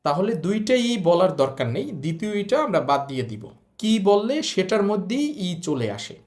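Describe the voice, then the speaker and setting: A man teaching Japanese pronunciation, explaining rules patiently and sounding out vowels slowly. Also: high voice. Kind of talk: language lesson.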